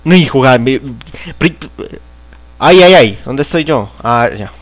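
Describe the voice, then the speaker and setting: A man's voice: medium pitch, lively intonation, slow pace, dry recording. A young Colombian man with a Paisa accent, cursing and grumbling while he plays a horror game. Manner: cursing, shrieking and laughing in mock panic. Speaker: gamer. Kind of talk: angry let's-play commentary. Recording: game music behind the voice.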